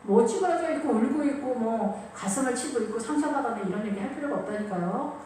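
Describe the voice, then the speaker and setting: A woman's voice: on the high side, animated, fast talker, warm tone, slight background noise. A woman pastor preaching a sermon in a church, talking in an emphatic, conversational way. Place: church sanctuary. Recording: echoey room, voice from a distance.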